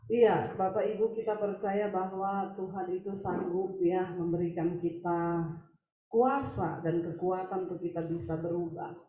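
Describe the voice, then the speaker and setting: A woman's voice: lowish voice, measured pace. A middle-aged woman preaching a sermon, telling a story with laughs and acting out the voices in it. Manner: lively storytelling with laughs, acts out quoted voices. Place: church hall. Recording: echoey church hall.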